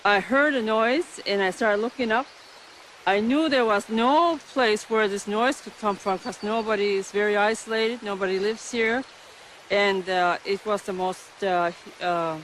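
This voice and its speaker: A middle-aged woman, a mother, telling an interviewer about a frightening experience, hesitant with frequent pauses and restarts. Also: medium pitch, a bit bright, slight background noise, rough recording. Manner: hesitant, many fillers and restarts. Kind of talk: emotional personal account.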